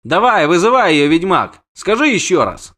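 Man doing a bossy nobleman, shouting, raised pitch, lively. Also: moderate pace. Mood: insistent. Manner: barking, commanding shouts. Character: blustering, lovesick nobleman, loud and imperious. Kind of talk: audiobook character voice.

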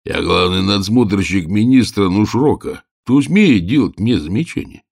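A cruel overseer, acted by a male storyteller growls his threats slowly in a low, gravelly voice. Every word is gruff and hard. The recording is close and dry. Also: expressive, a little mellow, no echo, heavily acted. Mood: menacing.

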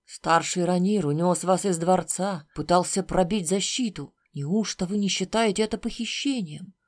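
A woman reading the part of a goat-bearded male court official who booms his accusations. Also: normal speed, no echo, clean studio sound, close to an everyday voice. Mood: accusing. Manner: booming, accusing.

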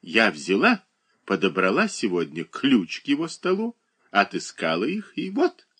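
A man voicing a capricious, childish young married woman who whines and pouts in a high, drawn-out voice. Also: huge pitch swings, fairly bright tone, husky, heavily acted. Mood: whiny coquettish.

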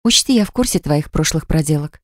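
A woman voicing a proud, sharp-tongued young woman. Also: deep voice, lively intonation, a little fast, no room sound, clean studio sound. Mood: cold, defiant.

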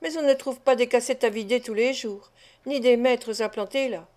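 A woman reading an audiobook, voicing a meek, doting young woman who talks softly and pliantly. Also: on the high side, normal speed, close to an everyday voice.

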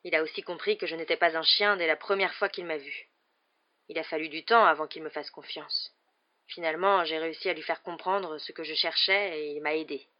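A woman voicing a gaunt, haunted escaped man with a hoarse voice, in a dull, muffled audiobook recording. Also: sits low, steady tone, fairly quick, lightly acted. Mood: grim.

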